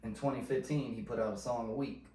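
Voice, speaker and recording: A man's voice: mid-range voice, steady tone, fast talker, mellow. A man talking in a loose, rambling casual chat, heavy on slang and filler, often trailing off and restarting. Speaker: podcast host. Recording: roomy sound, mic at a distance, faint noise.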